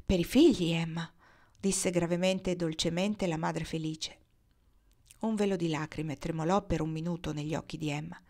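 A woman narrating a classic novel as an audiobook, reading in a measured, expressive way. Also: deep voice. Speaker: audiobook reader.

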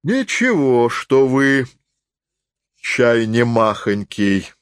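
A man voicing a drunk, menacing old male forester who speaks hoarsely in slurred folksy speech. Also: mid-range voice, very animated, drawn-out words, no echo, studio quality, pitched above the performer's own voice. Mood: drunk blustering.

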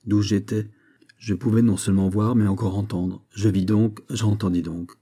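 A man reading a novel aloud as an audiobook narrator, measured and even. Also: lowish voice, slightly rough. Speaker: audiobook reader.

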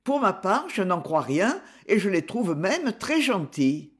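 A man reading a storybook, voicing a sweet, emotional young woman with impulsive, warm-hearted exclamations. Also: medium pitch, very animated, measured pace, husky. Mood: musing.

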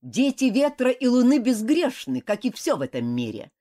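A woman's voice: on the high side, very animated, moderate pace, mellow, voice pushed up. A woman voicing a self-important elder boy who preaches and gives orders. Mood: preachy. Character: haughty elder boy leader, preaching, commanding.

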